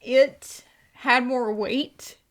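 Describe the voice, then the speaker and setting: A woman's voice: on the high side, fairly even intonation, very slow. A woman co-hosting a casual fan chat, recapping the story with fillers and growing emotional. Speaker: podcast co-host.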